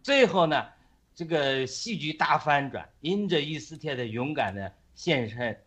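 Halting man retelling a Bible story. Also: a little high, expressive, a bit bright, husky. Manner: halting, with frequent fillers and restarts.

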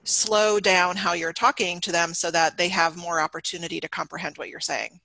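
Brief: woman host, bright tone, dry close sound, thoughtful and affirming. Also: fairly low pitch, steady tone, normal speed, vocal fry, no room sound, rough recording. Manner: affirming, thoughtful, with many fillers. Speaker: interviewer. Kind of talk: interview.

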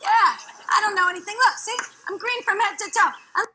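Sarcastic Delco mom. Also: female voice, very high-pitched, brisk, sharp tone. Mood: bossy sarcastic. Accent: Delaware County, Pennsylvania. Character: brash middle-aged Delco mom, nagging and sarcastic. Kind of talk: sketch comedy. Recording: noisy clip played back with clicks.

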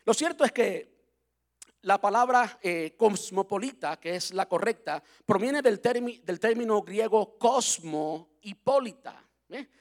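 Man, pastor, chatty sermon, spells out words, high voice. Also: expressive, unhurried. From Cuba.

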